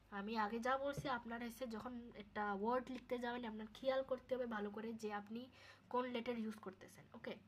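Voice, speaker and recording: A woman teaching Spanish pronunciation in a recorded solo lesson. She talks casually, sounds letters out slowly and keeps checking in with "okay?". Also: on the high side. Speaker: Spanish tutor. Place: home, recorded alone.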